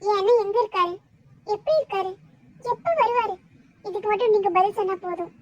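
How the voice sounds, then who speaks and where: A woman's voice: extremely high pitch, fairly quick, highs cut off. A woman voicing a worried young college girl in a cartoon, speaking earnestly and pleadingly. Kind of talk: cartoon voice acting.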